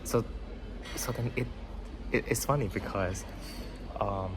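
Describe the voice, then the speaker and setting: A young man, a native Vietnamese speaker, hosts a podcast and casually walks through a motivational story. His voice is lowish and his pace slow, with lots of fillers and "right?" tag questions. Background music runs under his voice.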